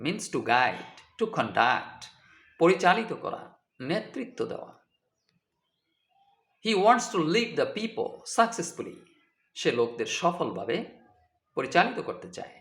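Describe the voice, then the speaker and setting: A man teaches English vocabulary at a very slow, careful pace, spelling each word out letter by letter. His voice sits high and moves a lot in pitch. The recording has a noticeable echo from the room. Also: very animated, a bit bright. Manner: spells words letter by letter and translates each line. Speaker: English tutor. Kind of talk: slow deliberate vocabulary lesson.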